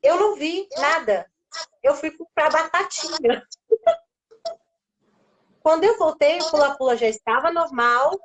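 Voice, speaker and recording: Brazilian woman on a live, high voice, shares a faith testimony, does the voices of people she quotes. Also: animated, moderate pace, poor audio. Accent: Brazilian Portuguese. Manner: storytelling, acting out quoted voices. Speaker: guest on a live stream.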